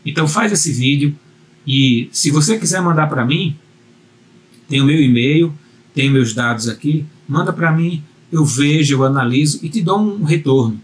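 A communication coach with a slightly high voice gives a motivational video lesson on speaking and self-confidence. Addressing the viewer directly, he is earnest, expressive, and repetitive, driving each point home at a normal speed.

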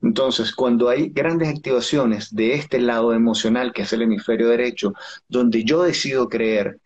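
A man speaks with a husky, slightly breathy voice, laying out his points like a patient teacher and answering his own rhetorical questions. The sound is dull and lo-fi, as if from a modest recording. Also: medium pitch, normal speed. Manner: didactic, uses rhetorical questions. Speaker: guest expert. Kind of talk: explanatory interview talk.

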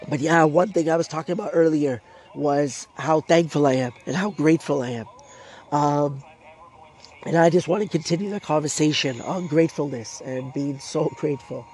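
This is a backyard podcast recording: a Canadian host chatting on his own, voice giving out from a sore throat. It sits on the high side with a darkish tone, and his talk meanders with lots of fillers and restarts over playing intro music.

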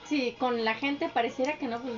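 A woman's voice: high-pitched, fairly even intonation, highs cut off, faint music behind. A woman chatting casually as a podcast co-host, acting out neighbors in little voices. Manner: chatty, acts out neighbors' lines in quick voices. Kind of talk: casual chat.

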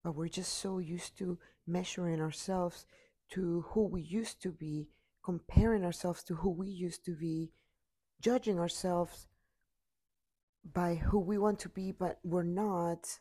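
A woman's voice: on the low side, steady tone, measured pace, warm tone. A tired woman giving an earnest, repetitive motivational talk into her computer mic.

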